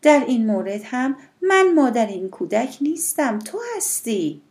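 A woman voicing a steady, reasoning sister who speaks in a measured, firm way. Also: on the high side, voice pushed up. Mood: calm reasoning.

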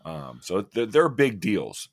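A man's voice: fairly low pitch, very animated, takes it slowly, slightly rough, no room sound, studio quality. A man co-hosting a podcast, chatting casually and rambling, often restarting sentences and laughing at himself. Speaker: podcast co-host.

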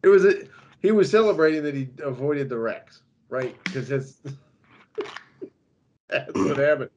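A man co-hosting a podcast, chatting casually and quickly about fantasy racing picks, laughing easily. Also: on the high side, animated, dull audio, background noise. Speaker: podcast co-host. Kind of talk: casual sports betting chat.

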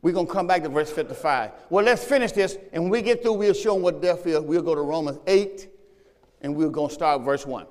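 Male pastor, high voice, sermon in a church with long reverb; swings from loud calls to quiet asides. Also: a little fast. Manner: animated preaching with sudden shouts and low asides, talking to the congregation.

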